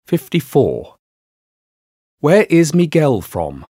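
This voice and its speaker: A man narrating a listening test, reading out question numbers and questions in a plain measured way. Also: fairly high pitch, wildly swooping pitch, warm tone, husky, no room sound, clean studio sound. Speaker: exam narrator.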